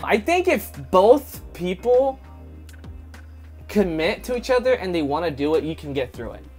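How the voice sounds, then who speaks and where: A young man co-hosts a couple's channel and chats with his wife in a casual Q&A video, rambling easily and filling his talk with "like" and "you know." His voice is high-pitched and very animated, with a darkish tone and a moderate pace. Faint music plays in the background.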